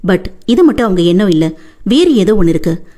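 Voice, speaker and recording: A woman's voice: mid-range voice, sing-song, moderate pace, warm tone. A woman voicing a hot-tempered but doting young husband in an audiobook, coaxing and boastful. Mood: recounting.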